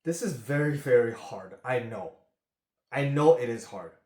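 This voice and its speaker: A man's voice: mid-range voice, lively intonation, darkish tone, reverberant. A man speaking as a relationship coach in an earnest coaching monologue, often checking in with "okay?". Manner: slow, earnest, repeats "okay?".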